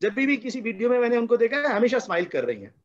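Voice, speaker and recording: A man's voice: extremely high pitch, sing-song, fast, muffled recording. A man, a guest children's author, teaching a playful, enthusiastic storytelling lesson over a video call, mixing Hindi and English.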